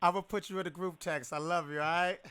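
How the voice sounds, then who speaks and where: A man hosting a podcast, talking in a loose, slangy, excitable way and laughing often. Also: sits high, quick pace. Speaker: podcast host. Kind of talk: casual interview chat.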